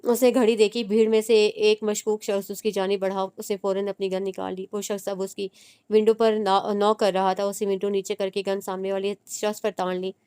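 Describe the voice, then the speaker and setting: Brief: female audiobook narrator, measured reading, crisp voice, little pitch movement. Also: level tone, dark tone. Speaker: novel narrator. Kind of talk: audiobook narration of a romance novel.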